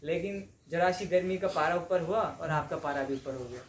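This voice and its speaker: This spiritual teacher speaks at a normal speed in a slightly high voice, leading a devotional class for a live audience in a conversational style and frequently checking in with them. The recording, made in a roomy hall with faint ambience, carries a little hiss or hum.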